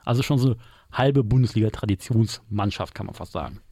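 Fast-talking man, close dry sound. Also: on the low side, warm tone, dry recording. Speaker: podcast co-host. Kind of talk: casual football chat.

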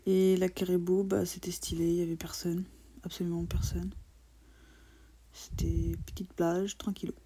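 A woman's voice: on the low side, little pitch movement, moderate pace, dark tone, breathy edge. A young woman co-hosting a travel podcast, telling the trip with teasing, sarcastic banter. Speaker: podcast co-host. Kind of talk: casual travel chat.

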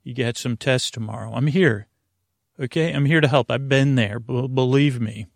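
On this sleep podcast, the host meanders through a bedtime monologue that keeps stopping and starting, sprinkled with puns and goofy asides. His medium-pitched voice is gravelly and creaky. The recording is clean studio audio with no echo.

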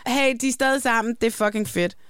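A woman's voice: on the high side, fairly bright tone, clean tone, no room sound, clean studio sound. A woman hosting a podcast in casual chat, blunt and emphatic, swearing casually. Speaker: podcast host.

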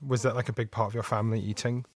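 A man's voice: lowish voice, flat delivery, racing, no room sound. A man chats casually as an interviewer, in an informal conversational way.

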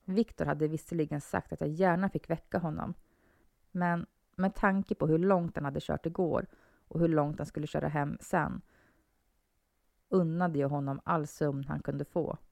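A woman narrating a first-person horror story in a calm, measured reading voice. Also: low voice, gravelly, no echo.

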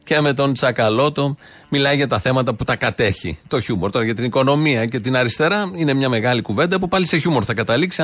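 A man's voice: mid-range voice, fairly bright tone, dry recording. A man presenting a radio show, making wry, jokey links between segments. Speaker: radio host.

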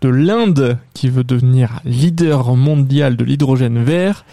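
A man hosts an economic news podcast, talking through the press review in a relaxed way with frequent hesitations. His voice is very dark and gravelly. The sound is dry and close, with no room in it. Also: medium pitch, slow pace, no room sound. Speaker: podcast host.

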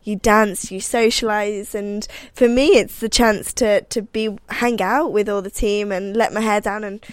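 A woman's voice: medium pitch, steady tone, unhurried, no echo. A woman with a Birmingham accent, a guest on a casual podcast chat, bubbly and giggly. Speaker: guest athlete.

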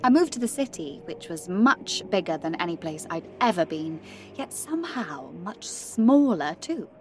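In a first-person audio drama monologue, a woman voices a wry, wistful country giant, narrating expressively and dropping into hushed, confiding asides. Lowish and sing-song at a moderate pace, her delivery feels wry and intense, with slight background noise.

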